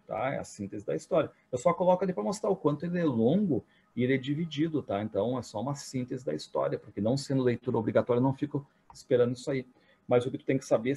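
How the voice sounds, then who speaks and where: A man teaching a literature class for entrance exams, retelling a story and often adding quick tag questions. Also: mid-range voice, gravelly, warm tone, breathy edge. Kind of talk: exam-prep literature lecture.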